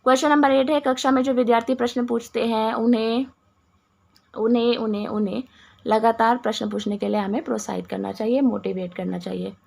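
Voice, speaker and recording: A woman with a hoarse voice and a cough, explaining answers to exam questions with restarts and many English words. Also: on the high side, fairly even intonation, fairly quick, darkish tone. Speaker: teacher going through exam questions. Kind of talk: Hindi exam-prep lesson.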